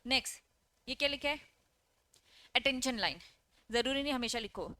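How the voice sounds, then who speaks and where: An expressive woman with a high, bright, forceful voice lectures online at a moderate pace, with no echo. Preparing students for an exam, she reads English lines from the text and explains them, repeatedly asking questions and answering them herself, often checking in with "okay?".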